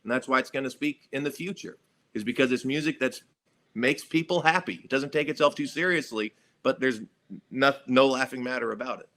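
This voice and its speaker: A man with a bright, forceful voice talks as a guest in a casual interview. He is reflective and animated, and he laughs easily. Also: mid-range voice, fairly quick. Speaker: guest musician.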